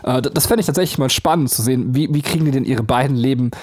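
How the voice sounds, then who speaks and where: Fast-talking man in a film chat. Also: mid-range voice, darkish tone, dry recording, clean studio sound. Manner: thinks aloud with many fillers and restarts. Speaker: podcast co-host. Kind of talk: casual film discussion.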